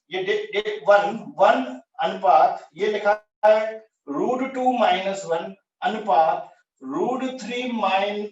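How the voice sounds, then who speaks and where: High-voiced male teacher in an echoey room. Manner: thinks aloud, self-correcting, asks the class. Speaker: physics teacher. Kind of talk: explaining at a whiteboard. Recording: echoey, distant, dull lo-fi room sound.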